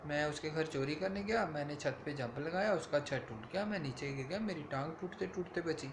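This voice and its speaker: A man voicing a sly male thief in a bedtime story, talking low and scheming. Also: brisk, reverberant, background noise, lightly acted.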